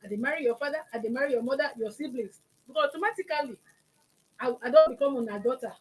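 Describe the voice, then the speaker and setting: High-pitched Nigerian woman talking conversationally. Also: animated, quick pace, slightly rough, rough recording. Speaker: talk show host. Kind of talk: conversational talk in Nigerian Pidgin.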